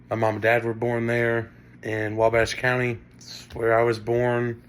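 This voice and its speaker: A man's voice: lowish voice, a little hiss or hum. A young man from northern Indiana with a Great Lakes Midwestern accent, giving a casual spoken class presentation full of fillers. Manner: casual, many fillers and restarts. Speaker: student presenting a class assignment.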